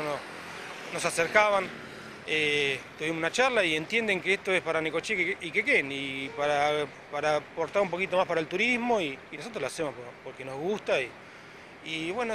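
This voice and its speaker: Outdoors by a beach, hedges behind him, a club president and event organizer in his forties chats casually on camera into a handheld reporter mic held close below his chin. His voice is fairly high, his accent Argentine Spanish, and he fills his speech with "eh" and restarts. Outdoor background noise comes through clearly.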